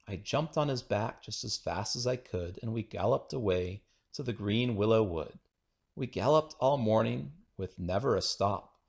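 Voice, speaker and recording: Reading rhyming poems for children, this man uses a gravelly voice on the low side. His delivery is playful, rhythmic, and singsong.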